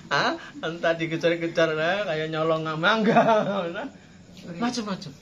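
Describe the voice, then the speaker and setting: A man's voice: a little high, takes it slowly. A male preacher giving a playful religious study talk, acting out tearful pleading prayers. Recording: dull lo-fi sound, faint background noise.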